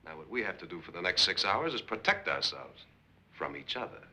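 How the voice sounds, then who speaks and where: An actor playing a tough, suspicious party guest, blunt and decisive, in a vintage suspense film. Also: male voice, sits low, very animated, fairly quick, pushed and bright, husky, exaggerated voice. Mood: tense, resolute. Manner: blunt, decisive, hard-edged.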